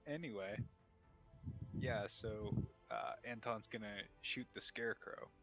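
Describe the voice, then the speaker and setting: A man's voice: lowish voice, measured pace. A man playing a tabletop game, laid-back and often laughing, with hesitant fillers. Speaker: player. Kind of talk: casual tabletop play. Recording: dull lo-fi audio with faint music.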